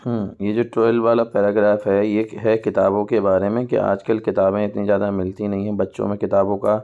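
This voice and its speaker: Indian man teaching English, flat and low. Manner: mixes Hindi explanation with slow English read-aloud. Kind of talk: exam-prep lesson. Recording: dull lo-fi sound.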